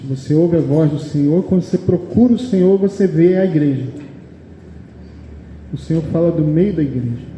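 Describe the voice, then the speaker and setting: A man's voice: a little high, warm tone. A man with a Brazilian Portuguese accent preaching a sermon in a church meeting, reading verses aloud and explaining them, often asking the congregation "amém?". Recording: echoey hall, long reverb, faint background noise.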